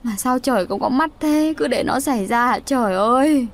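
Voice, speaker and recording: A woman's voice: fairly high pitch, moderate pace, natural voice. Woman narrator doing a bereaved mother in an audio story, keening and blaming. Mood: accusing. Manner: wailing, reproachful. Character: grieving village mother, loud and accusing.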